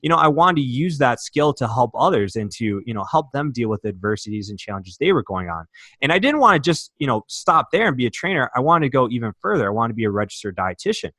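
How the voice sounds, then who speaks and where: Man from michigan, young adult, mid-pitched voice, earnest storytelling, many fillers, dry sound. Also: very animated, quick pace, sharp tone, no echo. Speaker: podcast guest. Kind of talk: candid interview storytelling.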